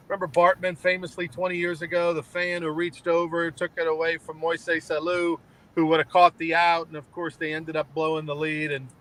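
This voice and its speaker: A man co-hosts a casual sports talk show, his voice slightly high and bright. He rambles conversationally, often restarting his sentences as he works through the day's stories. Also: rough recording.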